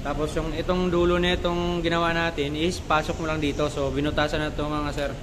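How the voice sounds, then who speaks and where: Against background noise, a Filipino-accented man in a slightly high voice talks fairly quickly and flatly to his viewers as a motorcycle vlogger. It's a casual chat and DIY walkthrough, with conversational explanations and frequent repetition.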